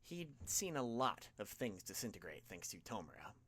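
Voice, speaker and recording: A man with a fairly low voice narrates fiction as an audiobook narrator, reading from a script. His delivery is expressive and his pace normal.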